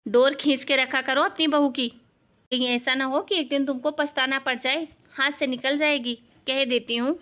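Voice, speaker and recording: A woman voicing a spoiled, bossy young married daughter in an animated family story, snapping and shouting orders. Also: sits high, moderate pace, dull audio. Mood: angry. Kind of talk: animated cartoon voice acting.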